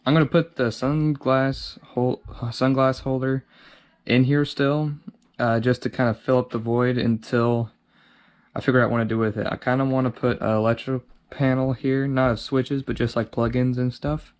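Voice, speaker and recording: A man with a medium-pitched, flat voice narrates a casual DIY video at normal speed, thinking aloud informally as he works with his hands. Clear background noise and handling clicks are audible in the recording.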